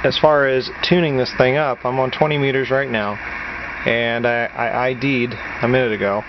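Dull camera-mic audio with clear hiss and hum captures a man with a mid-range voice talking at normal speed with little pitch movement. An amateur radio hobbyist and video maker, he guides viewers through a how-to project in a casual, matter-of-fact way, recorded on a handheld camera's built-in mic.

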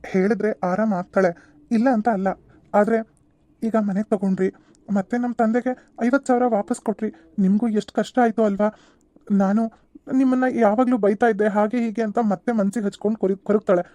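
A woman voicing a calm, caring young husband in a cartoon serial, with a soft, reassuring way of explaining. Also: medium pitch, dry recording, lightly acted.

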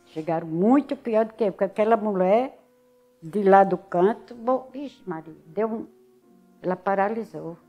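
Gravelly older northeastern Brazilian woman. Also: medium pitch, normal speed, muffled recording, faint music behind. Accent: Northeastern Brazilian, Alagoas. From Northeast Brazil (Alagoas). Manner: lively storyteller who acts out other people's words. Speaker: interviewee. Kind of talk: casual storytelling interview.

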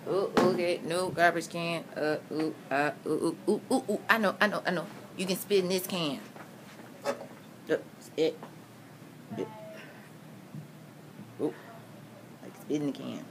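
A woman's voice: lowish voice, a little slow, long pauses, noisy background. A woman chatting casually and reassuringly as a caregiver, often repeating her phrases. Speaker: caregiver filming the patient. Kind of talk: soothing casual chat. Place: small hospital room, behind a handheld phone.

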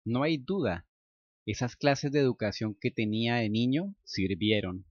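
A man narrating a first-person romance story, bursting into frantic, high inner monologue. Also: expressive, unhurried, dry recording. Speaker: story reader. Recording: dull, dry lo-fi recording.

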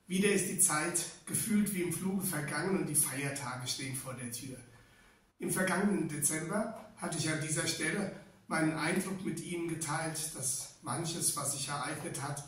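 A man in his sixties with a slightly hoarse, congested voice delivers a prepared, formal address to citizens in a measured way. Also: a little high, a bit bright. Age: 60s. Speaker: town official giving a holiday address. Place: small indoor office room. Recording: echoey room, distant microphone.

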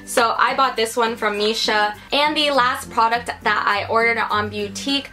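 A young woman from the United States talks straight to the camera in a casual beauty haul, chatty and upbeat. Her voice sits a little high and sounds bright and crisp, with soft music playing faintly behind her. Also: normal speed. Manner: chatty and upbeat, lots of "like" and "you guys". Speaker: beauty vlogger. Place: her room indoors.

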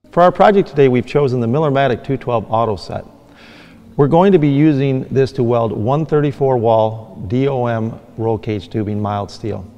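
A man's voice: medium pitch, darkish tone, in a large hall. A middle-aged man from Michigan, a fab shop owner giving a plain, practical welding lesson, often saying "actually". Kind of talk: instructional demonstration. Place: large indoor workshop.

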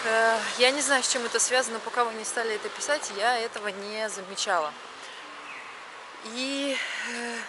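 This is walking vlog narration by a woman in her thirties, recorded outdoors on a city street at night with an action camera held at arm's length. She talks in a chatty, fairly high voice, elongating vowels and emphasizing last syllables amid street noise.

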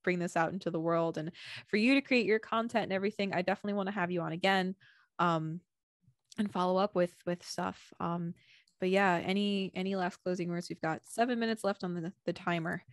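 A woman hosting a casual interview podcast, enthusiastic and quick to laugh, gushing with praise. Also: lowish voice, steady tone, dry recording, studio quality. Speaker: podcast host.

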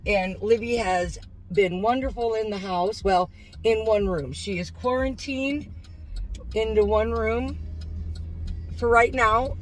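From inside her car, a middle-aged American woman vlogs to her viewers in a folksy, informal way, narrating what she's doing. Her voice is on the high side, slow, and full of pauses, recorded at low quality by a phone or camera on the dashboard.

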